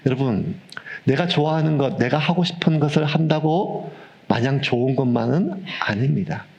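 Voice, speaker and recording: A man in his fifties, a pastor preaching a sermon with humorous, animated storytelling. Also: medium pitch, normal speed, gravelly, highs cut off. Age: 50s.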